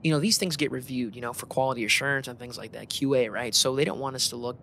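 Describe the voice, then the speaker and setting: An air traffic controller tells stories in a casual interview, talking fast in a mid-range, creaky voice. He's animated and informal, full of slang, and acts out radio exchanges with quoted dialogue.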